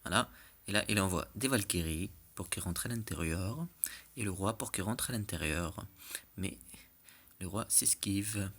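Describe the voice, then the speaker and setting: A man's voice: low voice, normal speed, fairly bright tone, slightly rough. A man giving casual, joking commentary over game replays, chatty and often checking in with the listener. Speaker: clan war replay commentator.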